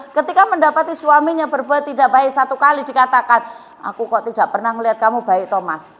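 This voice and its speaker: A woman's voice: sits high, a bit bright, long reverb tail. A middle-aged woman preaching to a women's study group, asking questions and acting out quoted prayers. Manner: asks the audience questions, acts out prayers in quoted voices. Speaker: religious teacher. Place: mosque. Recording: muffled lo-fi sound.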